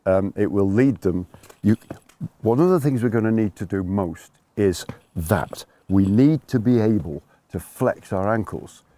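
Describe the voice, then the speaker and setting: Low, mellow-voiced male ski instructor. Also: measured pace, dry recording. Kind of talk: informal spoken explanation to learners.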